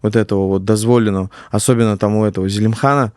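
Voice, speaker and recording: A man's voice: lowish voice, steady tone, rapid-fire, a little mellow, no room sound. Conversational man talking sport, dry sound. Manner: conversational, repeats phrases for emphasis. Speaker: guest commentator on MMA talk show. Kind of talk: casual sports talk.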